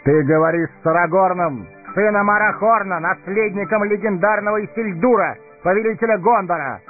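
A man's voice: medium pitch, expressive, normal speed, voice pushed up, close to an everyday voice. A man voicing a noble, brave male warrior heir with a solemn, dignified manner. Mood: stern. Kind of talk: audiobook character voice. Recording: tinny narrow-band recording, faint music.

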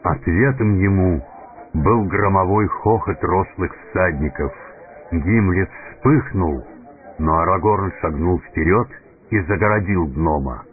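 A man narrating an audiobook fairy tale in a measured storytelling manner. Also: deep voice. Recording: tinny narrow-band recording, faint music.

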